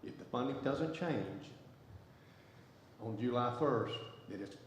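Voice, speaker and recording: Blunt, halting man at council. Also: medium pitch, expressive. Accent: Southern US. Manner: blunt, defiant, halting with many fillers. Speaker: council member. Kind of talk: council debate remarks. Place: city council chamber. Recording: echoey council chamber, faint noise.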